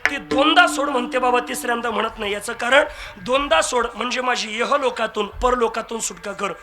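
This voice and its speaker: A man's voice: very high voice, fairly quick, sharp tone. A man preaching a devotional kirtan, telling stories with humor, acting out dialogue and asking the crowd for agreement. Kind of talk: devotional kirtan sermon with storytelling.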